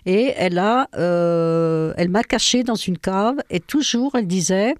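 In clean studio sound without echo, an older woman from France whose native language is Ukrainian shares her life story in an interview. Her voice is mid-range, unhurried and darkish, and her storytelling is hesitant, with plenty of fillers.

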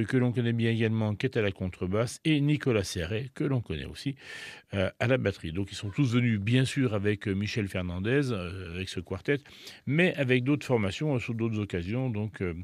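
A man's voice: on the low side, darkish tone, dry recording, studio quality. A man hosting a local radio jazz show, talking casually with many hesitations and restarts.

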